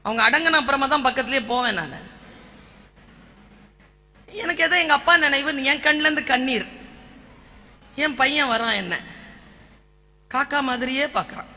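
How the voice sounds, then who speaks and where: A woman's voice: high-pitched, normal speed, pauses often, sharp tone. A woman in her forties, a teacher and guest speaker, giving an emphatic church talk and listing points in short, punchy phrases. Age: 40s. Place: large church hall. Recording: long church-hall reverb.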